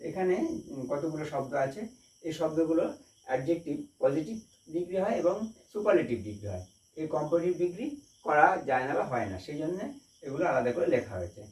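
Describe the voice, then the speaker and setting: A man's voice: fairly high pitch, darkish tone. A man teaching a grammar lesson in Bengali who spells each English word letter by letter and then repeats it. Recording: echoey room, voice from a distance.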